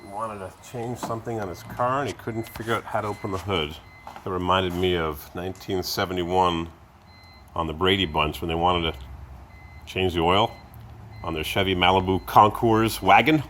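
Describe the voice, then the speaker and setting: A man's voice: low-pitched, normal speed, fairly bright tone. A man narrating a casual vlog in an offhand, rambling way, in short phrases with asides. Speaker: car owner giving a tour of his vehicles. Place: vehicle warehouse. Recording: noisy, car engine idling in warehouse. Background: idling car engine.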